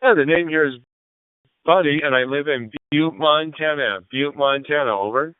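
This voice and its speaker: Male ham radio operator, smooth higher voice, repetitive call procedure, thin band-limited radio sound. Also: normal speed, no room sound. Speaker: amateur radio operator, live streamer. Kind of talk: ham radio calling and exchange. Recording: narrow phone-like radio band.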